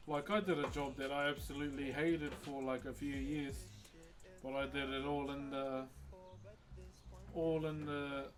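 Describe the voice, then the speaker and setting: A man with a broad New Zealand accent chatting casually to livestream viewers in a laid-back, slangy, matey way. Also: on the high side. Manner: laid-back, slangy, addressing viewers as bro and mate-like pals. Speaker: livestream host, woodcarver.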